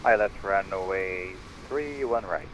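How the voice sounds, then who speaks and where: A man calling the tower as a virtual airline pilot, in a headset radio call heard over the frequency, using clipped radio phraseology and reading back clearances slowly and carefully. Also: low-pitched, lo-fi sound, slight background noise. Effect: pilot's headset radio call, heard over the controller's frequency. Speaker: virtual airline pilot on a flight sim network.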